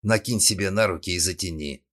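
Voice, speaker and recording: A man's voice: a little fast, a bit bright. A man doing a jumpy young gunman. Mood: commanding. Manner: curt commands, breaking into shrill outbursts. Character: nervous young male technician holding a gun.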